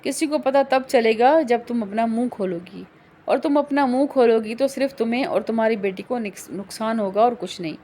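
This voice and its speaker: A cold, domineering young man speaks in a dismissive, threatening way in a novel audiobook, as a woman reads his part. The voice stays on the high side, since it is her own voice. There is little change from her narrating voice. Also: warm tone, a little hiss or hum, natural voice. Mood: curt.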